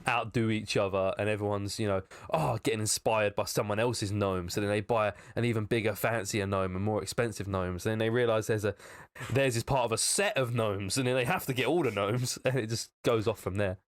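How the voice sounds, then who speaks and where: A chatty man talking loosely on a podcast, his voice sitting a bit low. He wanders through his thoughts and laughs often along the way. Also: fairly quick, few pauses. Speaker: podcast co-host. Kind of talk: casual chat.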